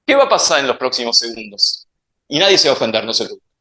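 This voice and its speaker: Quick-paced and pushed, this bright medium-pitched voice swings widely in pitch. It belongs to an Argentine-accented science speaker delivering a playful public talk and firing questions at the audience.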